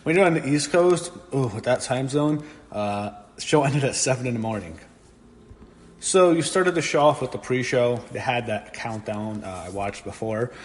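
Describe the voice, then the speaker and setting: A man giving a casual solo review of a wrestling show, rambling and excitable, swearing when annoyed. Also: medium pitch, normal speed. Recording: long room reverb with faint background noise.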